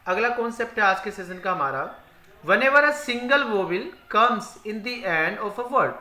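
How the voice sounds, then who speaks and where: A man's voice: sits high, lively intonation, slow, sharp tone. A male teacher who explains spelling rules. He repeats each rule in Hindi and asks questions that he then answers himself. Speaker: English teacher. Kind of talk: spoken grammar lesson. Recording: echoey room.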